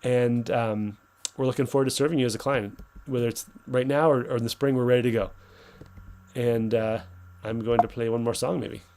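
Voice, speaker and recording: A man's voice: medium pitch, fairly even intonation, a little fast, darkish tone. Upbeat man hosting a giveaway livestream. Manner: casual, reads out viewer comments and answers them off the cuff. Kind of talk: upbeat giveaway announcement and live sales chat.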